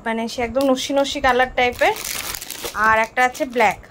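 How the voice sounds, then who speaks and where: A woman's voice: high voice, steady tone, brisk, a bit bright, slight background noise. A young woman chatting to the camera while she does chores at home. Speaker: family vlogger. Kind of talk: casual chat. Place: home, indoors.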